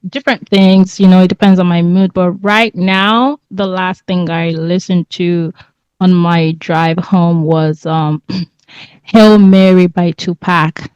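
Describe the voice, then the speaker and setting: A woman born in England and raised in Nigeria, a podcast guest talking in a relaxed, thoughtful way and laughing easily. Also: lowish voice, slow pace, clear, resonant tone, no room sound, dull audio. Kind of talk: casual interview.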